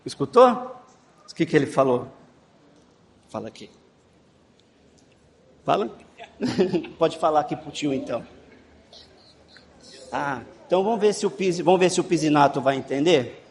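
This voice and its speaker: A man's voice: fairly high pitch, expressive, normal speed, long pauses. Coaxing man teaching kids. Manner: coaxing, encouraging, repeats instructions. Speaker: children's Bible class teacher. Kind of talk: leading a children's game. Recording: echoey room, faint background noise.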